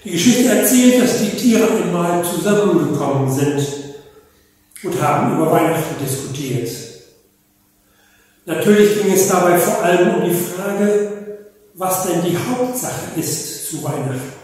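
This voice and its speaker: An older retired pastor telling a children's story in a gentle, unhurried way. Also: male voice, high voice, expressive. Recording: echoey church hall from far off.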